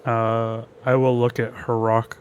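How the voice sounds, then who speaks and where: A man of medium pitch plays a tabletop game. His delivery is flat and casual, and he halts tentatively as he works out what to do. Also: slow pace, slight background noise.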